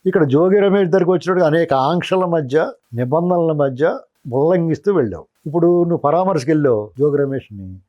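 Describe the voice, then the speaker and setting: A man's voice: on the high side, lively intonation, a little fast, highs cut off. A middle-aged man, a political analyst, giving heated commentary in an interview, rhetorically scolding a politician as "you".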